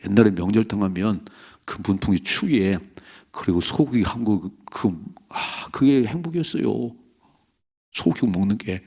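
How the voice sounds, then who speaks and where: A man preaches at an early-morning church service in a low, somewhat husky voice. He reads scripture slowly, then breaks into animated storytelling and acts out the people in the passage. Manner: animated preaching, acting out biblical figures' voices. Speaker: pastor. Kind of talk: early-morning prayer sermon. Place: church sanctuary.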